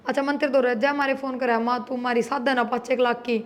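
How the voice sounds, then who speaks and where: A woman's voice: a little high, fairly even intonation, fast talker, natural voice. A young woman playing a persuasive, scheming married daughter with a Haryanvi accent, in a comedy drama.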